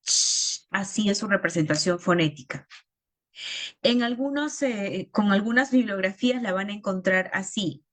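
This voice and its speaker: A woman's voice: mid-range voice, normal speed. Woman teaching phonetics. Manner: explanatory, checks in with listeners. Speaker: language therapy teacher. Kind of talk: lecture explaining phonetics.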